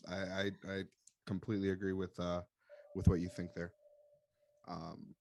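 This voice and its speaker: A man's voice: low voice, level tone, moderate pace, vocal fry, warm tone, a little hiss or hum. A man co-hosting a casual business podcast, talking with many hesitations and restarts.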